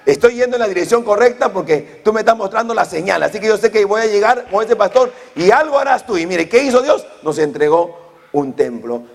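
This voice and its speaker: A man in his forties delivers a fervent church sermon in a high, gravelly voice. He peppers his words with amen and hallelujah, and the sound rings with the long reverb of a church hall. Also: expressive, fairly quick. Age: 40s. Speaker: pastor.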